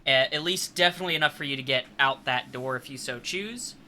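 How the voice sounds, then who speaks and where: A man's voice: mid-range voice, fast, sharp tone, slight background noise. A man narrating as game master, loosely improvising the scene with frequent fillers.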